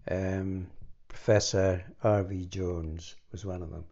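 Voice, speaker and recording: Older Scottish man with a deep gravelly voice. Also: steady tone, warm tone, highs cut off. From Scotland. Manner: halting, many fillers and restarts. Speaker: interviewee. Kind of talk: reminiscing conversation.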